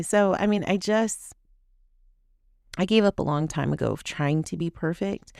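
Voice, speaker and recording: A woman's voice: deep voice, gravelly, darkish tone, no echo, studio quality. A woman in her thirties hosting a podcast, talking casually and with laughs through a personal story, often quoting herself and others. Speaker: podcast host. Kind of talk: personal reflection monologue.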